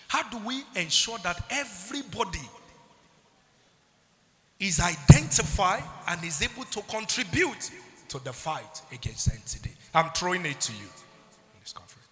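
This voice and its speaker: A man's voice: sits high, bright, forceful tone. A Nigerian man speaking at a conference, asking the audience rhetorical questions and waiting for them to call back the answer. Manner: rhetorical, keeps asking "what?" for the crowd to answer. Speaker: public health speaker at a youth conference. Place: large conference hall. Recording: hall reverb.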